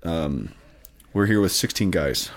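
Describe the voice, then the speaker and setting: A man's voice: low-pitched, expressive, unhurried, creaky. An American man in his late twenties, a little groggy, hosting a casual podcast in a rambling, hesitant, joking way. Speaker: podcast host, priest.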